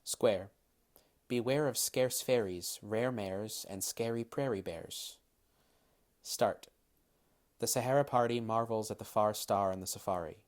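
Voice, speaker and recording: This Massachusetts-raised man in his 30s, a dialect coach, has a low voice and a mostly general American accent touched lightly by British features. He reads word lists in a careful, measured, crisp way, then loosens up in casual interview answers with hedges and fillers.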